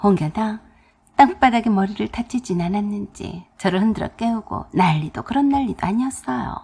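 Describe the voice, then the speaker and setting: A woman's voice: medium pitch, expressive, a little fast, gravelly, dark tone, husky. A woman narrating a first-person radio drama story in a confiding, dry way.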